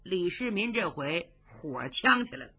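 A woman's voice: on the low side, very animated, a little slow, a crowd in the background. A woman telling a traditional story in a vivid, rhythmic manner, voicing sound effects. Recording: dull lo-fi recording.

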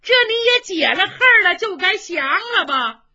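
A woman playing a rowdy, joking older general in a told story, loud and high-pitched, teasing his sworn brother. the voice is bright and a bit husky, and it swoops all over. the recording is dull and lo-fi. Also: big pitch swings, slow, exaggerated voice. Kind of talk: traditional storytelling.

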